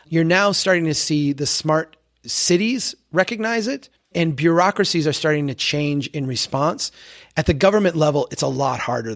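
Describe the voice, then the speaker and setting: Speaking with a little high pitch and some vocal fry, this American man in his forties is an interview guest on a podcast who champions towns. He lays out his opinions earnestly and with conviction, often using rhetorical contrasts.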